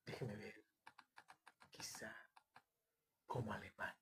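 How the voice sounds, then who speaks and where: A grieving, self-reproaching mother answers in a low, flat, gravelly voice, as a man reads her part. Her replies come haltingly, trailing off as she searches for details. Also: heavily acted. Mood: distraught. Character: distraught mother, middle-aged woman, grieving and self-reproaching.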